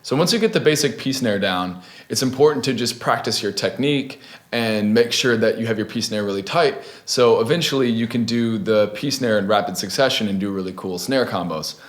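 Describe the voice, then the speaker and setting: A man's voice: lowish voice, fairly quick. A young man hosting a casual video tutorial, laid-back and chatty with lots of fillers and restarts. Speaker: beatbox tutorial host.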